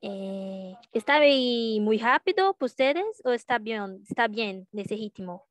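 A young woman with a Brazilian Portuguese accent teaching a Portuguese lesson in Spanish, drawing out each letter sound slowly. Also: a little high, animated. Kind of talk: slow language lesson.

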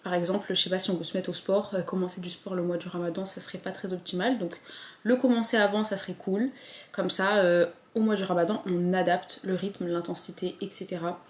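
A woman's voice: fairly low pitch, fairly even intonation, a little fast. Chatty woman vlogger in an echoey room. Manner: chatty and encouraging, with frequent fillers. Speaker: lifestyle vlogger. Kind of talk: casual motivational chat to camera.

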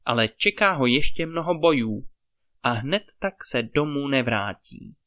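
A brave, honest boy who warns and explains in earnest, as a male storyteller reads him. The voice stays close to the reader's own, bright and clear. Told as a spoken fairy tale. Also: mid-range voice, lively intonation, close to an everyday voice. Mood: urgent.

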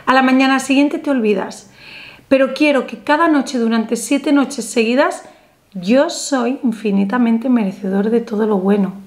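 A woman with a somewhat high voice teaches simple rituals to the camera as a spiritual ritual vlogger. She's animated and gestures a lot, slowing into emphatic affirmations, filmed in a small indoor room with a painted backdrop.

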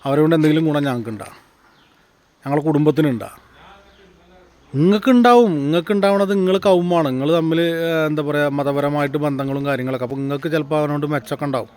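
A man delivers a heated vlog monologue, his voice sitting somewhat high. He talks in a combative way, stacking rhetorical question on rhetorical question. His delivery keeps pushing toward louder, heated peaks. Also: quick pace. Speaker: vlogger. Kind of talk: angry political monologue to camera.

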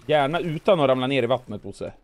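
A gaming host, hoarse from coughing for weeks, narrates his moves in jokey commentary full of comic sound effects. His mid-range voice has a darkish tone and lively intonation, and music plays faintly behind him.

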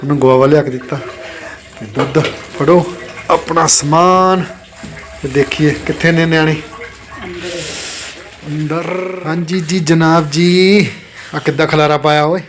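A man's voice: on the high side, fairly even intonation, measured pace, pauses often. A young father vlogging his family day, talking to his children in a doting, coaxing way and often checking that they agree. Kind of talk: casual family vlog narration.

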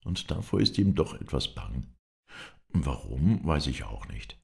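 A man's voice: very deep voice, sing-song, unhurried, gravelly, darkish tone, full character voice. A man voicing a talkative, teasing young English lord in a storybook reading. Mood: chatty.

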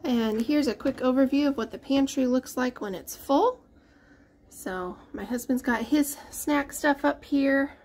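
Indoors at home, a vlogger mom of a big family narrates a relaxed grocery haul from her dining room and pantry, holding the camera at chest level. Her female voice sits slightly high and a little mellow, and she keeps a measured pace while chatting, dropping words and trailing off.

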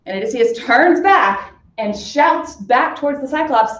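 A woman's voice: high voice, expressive, a little slow. A woman teacher casually explaining a story to her class, chatty with many fillers, in an echoey, muffled recording. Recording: echoey room, muffled sound.

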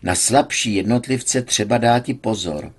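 A man reading a serialized novel aloud in a measured storytelling manner. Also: fairly low pitch, slightly rough. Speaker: audiobook reader.

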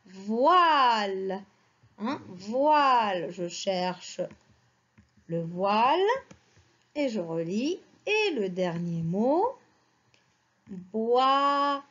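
A woman teacher slowly reading words and syllables aloud for young children. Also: mid-range voice, sing-song, a bit bright, lo-fi sound. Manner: slow, syllable-by-syllable, sing-song teacher voice.

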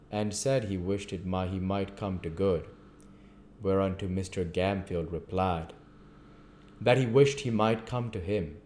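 A man reading a classic novel aloud at a measured pace, with the occasional stumble. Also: sits low, mellow, slight background noise. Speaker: audiobook reader.

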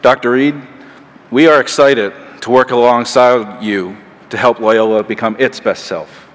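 A man's voice: mid-range voice, steady tone, measured pace. A middle-aged man, a professor, reading prepared remarks as a formal podium speech. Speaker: professor, faculty council chair. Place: stage of a large auditorium. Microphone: podium microphone. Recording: reverberant large hall PA.

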